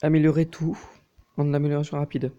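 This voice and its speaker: A young man giving casual, crude commentary while playing a mobile game, talking fast and nervously, swearing often. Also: a little high, flat delivery, dark tone, dull audio. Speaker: mobile gaming YouTuber.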